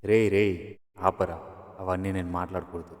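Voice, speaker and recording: Actor as the future self: low, steady, firm mentor in a short drama, long reverb behind. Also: male voice, brisk, close to an everyday voice. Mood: stern. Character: calm older-self mentor, the young man's future self. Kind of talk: short film acting.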